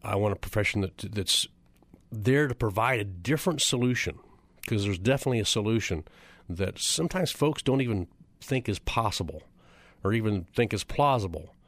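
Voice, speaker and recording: A man's voice: fairly low pitch, lively intonation, moderate pace, a bit bright, dry recording. A middle-aged man, a chiropractor giving a public talk, repeating figures for emphasis and throwing rhetorical questions at the audience. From United States.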